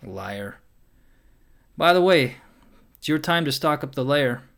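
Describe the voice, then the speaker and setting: A man's voice: on the high side, expressive, slow, vocal fry, fairly bright tone, exaggerated voice. Man playing a bossy, blunt vampire housemate. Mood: nagging. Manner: nagging, blunt. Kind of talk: scripted comic dialogue.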